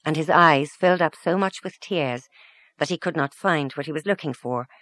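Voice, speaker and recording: Audiobook narrator, steady mid-range voice, gentle storytelling pace, dry close sound. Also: medium pitch, normal speed, no echo. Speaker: audiobook reader. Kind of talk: scripted narration of a literary short story.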